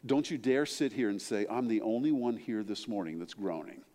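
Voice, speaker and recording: A middle-aged male pastor preaching a sermon, chatty and conversational, swinging from quiet asides up to emphatic, higher-pitched peaks. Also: animated, normal speed. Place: church sanctuary. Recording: long hall reverb.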